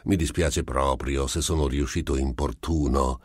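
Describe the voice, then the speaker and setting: A man reading the part of a sly, composed gentleman who probes with smooth, falsely apologetic questions. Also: rumbling low, fairly even intonation, moderate pace, no room sound, clean studio sound.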